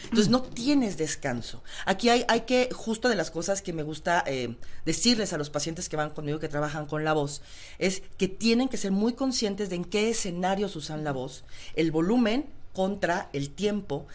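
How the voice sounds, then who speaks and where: A woman's voice: fairly low pitch, normal speed. A woman phoniatrics specialist, explaining voice care with everyday examples in a talk show interview. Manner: didactic, uses everyday examples.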